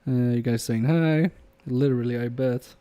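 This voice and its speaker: A young Polish-born man hosts a livestream from his electronics workbench, reading chat messages aloud and chatting casually, then trailing off into mutters as he repairs things. His voice is medium-pitched, clear and resonant at a normal pace, though the audio sounds dull.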